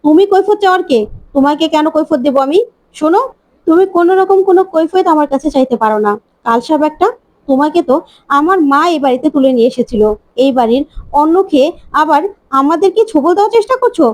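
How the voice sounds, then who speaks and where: A woman reading the lines of an angry young wife who scolds and accuses a rival in sharp words. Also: sits high, expressive, quick pace. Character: angry young wife defending her husband.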